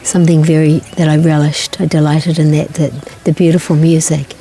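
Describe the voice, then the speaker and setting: Low, mellow older woman recalling her childhood. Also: level tone, a little hiss or hum, low-quality recording. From New Zealand. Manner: gentle, thoughtful, pauses and restarts. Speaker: guest, singer-songwriter. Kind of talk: reflective interview answers.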